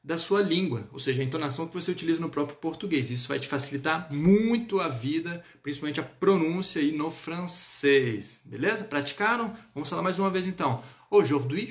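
A man's voice: a little high, fairly bright tone. A man teaching a live online French lesson, speaking to viewers on a phone or webcam mic and checking in with them often.

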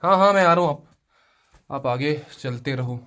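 A man's voice: on the high side, moderate pace, background noise. Chatty man vlogging to a handheld camera. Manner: chatty, talks to the camera while walking. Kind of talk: casual travel vlog narration. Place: outdoors on a hill path, then inside a narrow dark cave. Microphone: handheld camera at arm's length.

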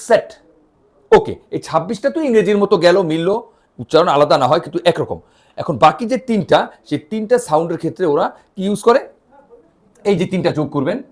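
A man teaching an online language lesson, spelling out letters one by one and drilling their sounds, often asking questions and answering them himself. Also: high voice. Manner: animated, spells letters out slowly with repeated drills.

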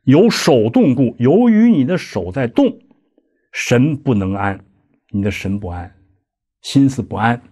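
A man lecturing on an old text, reading out each line and then explaining it in everyday words. His voice is mellow and slightly husky. He keeps turning to his listeners with questions as he talks. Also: medium pitch, animated, unhurried, pauses often. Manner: explains line by line with conversational asides and rhetorical questions. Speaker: lecturer on Buddhist practice. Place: lecture hall.

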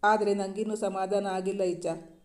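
A man's voice: high voice, level tone, normal speed, a little mellow, lightly acted. A man reading as a teasing young lover. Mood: tender.

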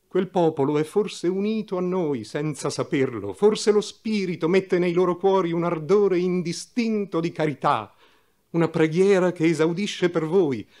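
A man voicing an elderly, gentle and loving cardinal who speaks in impassioned, pleading oratory. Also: fairly high pitch, pitched above the performer's own voice, lightly acted. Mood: tender.

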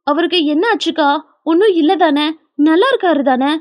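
A woman's voice: high-pitched, normal speed, no echo, natural voice. Woman voicing a frantic tearful young wife. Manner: trembling, frantic and pleading.

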